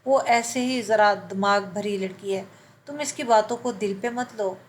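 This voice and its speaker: A woman's voice: medium pitch, a little hiss or hum, lightly acted. A woman reading an easygoing young male friend. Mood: casual.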